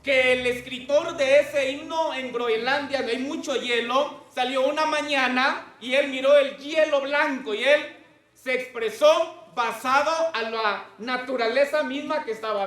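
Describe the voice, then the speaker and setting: A man's voice: very high voice, fairly bright tone, roomy sound. A man preaching a sermon to a congregation, often stopping to ask them questions.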